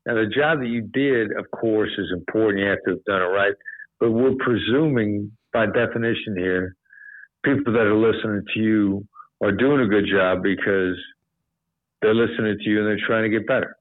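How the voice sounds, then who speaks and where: A former hostage negotiator tells stories and offers advice in a casual podcast chat, relaxed and full of "you know," getting animated when he quotes others. His voice is lowish and moderately paced, coming through a tinny, phone-like, dry line with no room sound.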